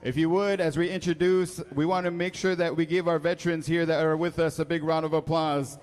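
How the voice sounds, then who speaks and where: A man working as a powwow emcee, announcing ceremonially to a live gathering, with drawn-out introductions and calls to the crowd. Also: fairly high pitch, flat delivery, clean tone. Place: large echoey indoor school venue. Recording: echoey hall PA with music.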